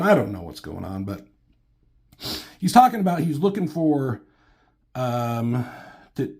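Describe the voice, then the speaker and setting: Still recovering from a cold, this man in his thirties sounds slightly off as he reviews comics at home. His mid-range, slightly mellow voice wanders haltingly, peppered with ums and casual cursing, and a camera mic picks it up.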